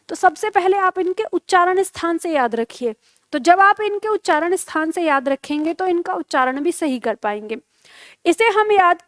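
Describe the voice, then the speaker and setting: A woman teacher explaining pronunciation patiently, repeating key sounds slowly and checking in with students often. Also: high-pitched, no echo, clean studio sound. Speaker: Hindi teacher. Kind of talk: explaining pronunciation in an online lesson.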